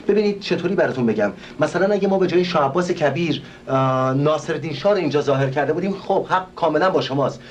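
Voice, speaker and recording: Actor doing a nervous, formal organizer for a stage comedy, mid-pitched, stammering, placating. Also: male voice, a little hiss or hum, close to an everyday voice. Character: flustered, overly polite male show organizer.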